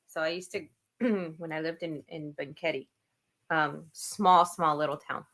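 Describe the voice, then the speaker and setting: Deep-voiced woman, relaxed storyteller. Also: measured pace. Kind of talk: casual chat.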